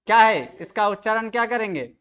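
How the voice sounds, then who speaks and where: A man's voice: sits high, animated, a little fast, a bit bright, clear, resonant tone. A man teaching Sanskrit grammar to a study group, quizzing students with questions and correcting their pronunciation. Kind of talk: online study-group lecture.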